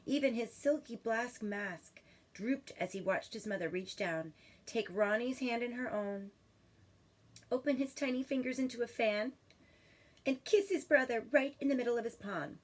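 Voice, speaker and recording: A woman teacher with a slightly high voice reads a children's story expressively, stopping to ask questions in a deliberate, instructive way.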